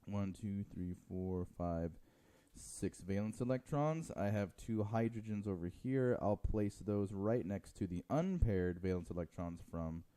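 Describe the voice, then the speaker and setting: A man's voice: lowish voice, lively intonation, a little slow, mellow, smooth. A man teaching chemistry in a classroom, joking with students and counting aloud as he draws. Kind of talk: classroom lecture.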